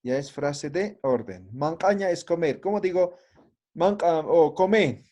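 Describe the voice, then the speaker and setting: A man's voice: on the high side, animated, unhurried, mellow. A man teaching a language class, patiently explaining and often checking that the students follow. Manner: patient, checks understanding with frequent tag questions. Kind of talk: classroom lesson.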